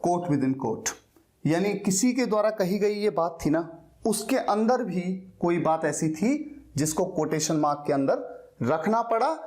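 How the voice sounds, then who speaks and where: A man's voice: high voice, animated, a little mellow. Patient male teacher explaining step by step. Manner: patient, repeats words slowly to model pronunciation. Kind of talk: explanatory classroom lecture.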